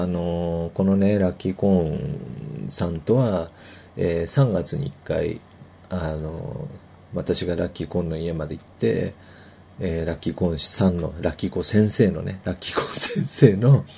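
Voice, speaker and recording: A man hosting a casual podcast in an easygoing, unhurried manner. His voice sits very low, with a gravelly fry. The tone is dark and mellow. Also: a little hiss or hum. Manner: laid-back, unhurried, chatty. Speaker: podcast host.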